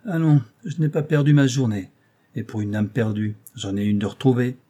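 A man's voice: medium pitch, moderate pace, warm tone, natural voice. A man reading the part of a sly, smug male devil striking a bargain, in a cool mocking manner, in an audiobook.

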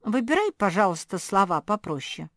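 A woman's voice: mid-range voice, very animated, normal speed, fairly bright tone, dry recording, clean studio sound, pitched above the performer's own voice. A woman voicing a playful, teasing adult female dog in an audiobook. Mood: drawling.

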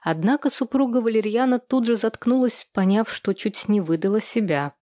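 A woman narrating a novel in an even, expressive reading voice. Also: a little high, normal speed, no room sound, studio quality. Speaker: audiobook narrator. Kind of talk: scripted narration.

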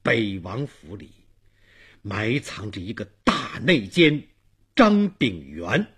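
A male storyteller narrating a long traditional tale, dramatic and swinging between hushed and loud. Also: on the low side, big pitch swings, takes it slowly, breathy edge.

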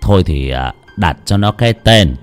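A man voicing an old male exorcist who speaks low and measured, with sighs. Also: expressive, clear, resonant tone, faint music behind. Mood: weary, resigned.

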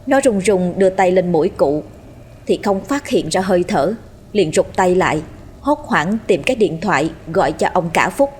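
A woman storyteller reading a scripted horror story in a steady, dramatic way. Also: lowish voice, normal speed, a little hiss or hum. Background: faint music.

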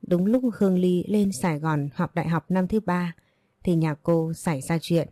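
A woman narrating a story in a steady scripted reading, voicing every part in a mostly even voice. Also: fairly low pitch, moderate pace, dry recording.

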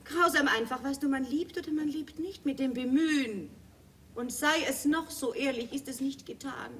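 A young actress playing an earnest, soft-spoken wife who is leaving her husband, in a stage play recording. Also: high voice, normal speed. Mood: tender. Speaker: Elizabeth. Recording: distant stage mic with faint room noise.

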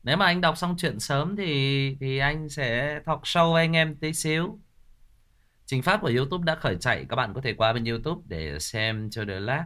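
A man's voice: medium pitch, moderate pace, pushed and bright. Joking male livestream host. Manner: joking, teasing banter. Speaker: livestream host reading ghost stories. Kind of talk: casual livestream chat greeting viewers.

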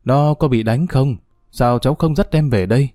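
A man's voice: medium pitch, moderate pace, warm tone, no echo, studio quality, close to an everyday voice. A man voicing a frail, sick old grandmother who scolds and grieves between coughs. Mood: grieving.

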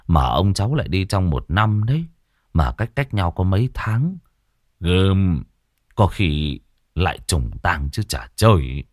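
Low, dramatic male horror storyteller. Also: no echo, studio quality. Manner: dramatic, heavily inflected delivery. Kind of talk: scripted horror narration.

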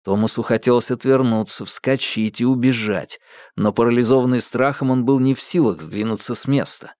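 A man narrates a novel in a measured, dramatic storytelling voice of middle pitch. He builds tension steadily. The recording is close and completely dry. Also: a little mellow, dry recording. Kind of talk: audiobook narration.

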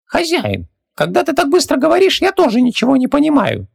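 A man's voice: extremely high pitch, huge pitch swings, brisk, vocal fry, voice pushed up, heavily acted. A man voicing a fawning little male djinn servant who speaks cautiously and deferentially to his master.

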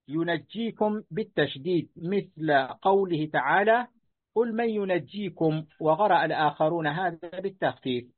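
Student reader: a man with a fairly high voice, reading steadily and answering politely, heard over a tinny phone-like line. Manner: deferential, answering corrections politely. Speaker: student reading a book aloud to his teacher. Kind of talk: reading a classical text aloud.

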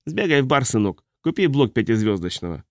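A man's voice: mid-range voice, very animated, a little fast, no echo, studio quality. A man voicing a coarse, bullying, drunken middle-aged father who barks orders in a threatening tone. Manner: gruff, threatening.

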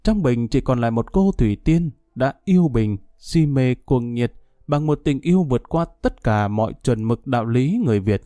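A man narrating a story in a calm, steady storytelling voice, speeding up a little in the dialogue. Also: medium pitch, normal speed, no room sound, clean studio sound. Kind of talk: audiobook narration.

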